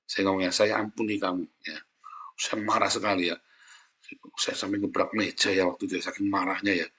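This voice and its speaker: A man preaching a sermon as a pastor, speaking in a lively, chatty way and often addressing listeners directly. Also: sits low, fairly quick, breathy edge.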